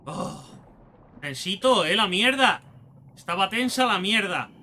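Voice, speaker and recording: A man's voice: high-pitched, lively intonation, takes it slowly, bright, forceful tone, a little hiss or hum. A man with a Spain Spanish accent giving crude, joking let's play commentary and taunting the enemies he fights. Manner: swearing, joking, talks to enemies. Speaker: gaming youtuber.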